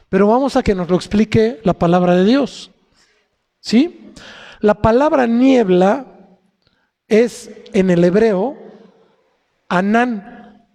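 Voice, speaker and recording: A man's voice: high voice, dark tone. A man with a Mexican accent preaching a sermon in a conversational way, often asking the congregation questions. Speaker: pastor. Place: church hall. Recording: long church hall reverb.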